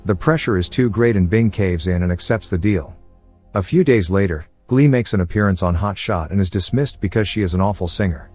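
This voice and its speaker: A man narrating a movie recap in an even, measured storytelling voice. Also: sits low, slightly rough, soft background music. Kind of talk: scripted narration.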